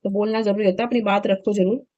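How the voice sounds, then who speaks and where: Mellow-voiced woman vlogging at home. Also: medium pitch, steady tone, fast talker, no echo, lo-fi sound. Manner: chatty, indignant storytelling. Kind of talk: casual vlog chat.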